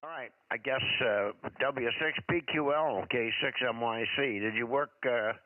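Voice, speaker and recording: A man's voice: medium pitch, a little slow. A man running a ham radio net, heard over a two-way radio, who repeats calls and sign-offs in radio procedure. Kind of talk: casual two-way radio exchange. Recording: tinny radio with loud static.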